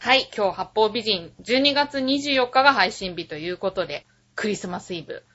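A woman's voice: mid-range voice, expressive, normal speed, bright, forceful tone, dull audio. A woman hosting a radio talk show, friendly and interviewing her guest with easy laughter. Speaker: host. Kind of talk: casual radio chat.

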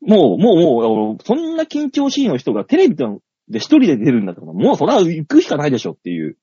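A middle-aged man tells a story on a chat show, his pitch leaping up and down and his words coming fast. He sounds a little husky, and the recording is dry and slightly dull. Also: no echo. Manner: animated, acts out scenes, laughs at his own story. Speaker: comedian and radio show host.

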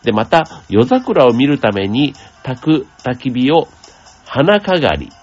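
A man hosting a radio show, explaining things in a gentle, chatty way with many asides and fillers. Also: medium pitch, sing-song, unhurried, lo-fi sound, soft background music. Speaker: radio host. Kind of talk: casual explanatory radio talk.

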